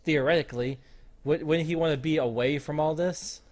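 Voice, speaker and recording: A man's voice: a little high, moderate pace, darkish tone. A man co-hosting a casual movie podcast, teasing and joking, then reasoning through ideas aloud. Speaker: podcast co-host. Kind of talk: casual movie-review chat.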